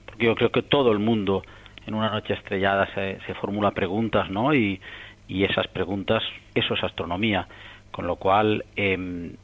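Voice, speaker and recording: A man's voice: lowish voice, fairly even intonation, moderate pace. Man on muffled radio. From Catalonia. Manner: thoughtful, rambling, many restarts and tag questions. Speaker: astronomer guest. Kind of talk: radio interview answers.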